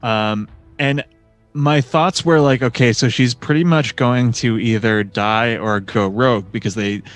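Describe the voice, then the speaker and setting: A man on a podcast, talking in a chatty, critical way at a middling pitch, with quick asides. His voice is recorded on a podcast mic, and faint music plays behind him. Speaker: podcast co-host. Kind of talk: casual chat.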